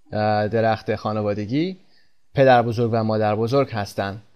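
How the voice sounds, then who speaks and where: A male teacher whose first language is Persian gives a recorded English lesson. He reads English sentences very slowly and explains them quickly in his own language. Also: medium pitch.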